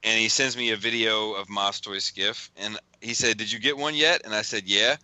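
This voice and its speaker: Male podcast host, casual storyteller, laughs and swears, crisp bright tone. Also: lowish voice, fairly even intonation, moderate pace, no room sound. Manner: rambling storyteller, laughs often, retells texts with swearing. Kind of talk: casual chat.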